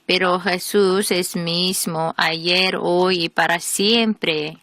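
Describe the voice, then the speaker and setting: A woman voices a translated sermon, preaching in a steady, measured manner. Her tone is bright and forceful and pitched a little low. The recording is close and dry, with no room sound.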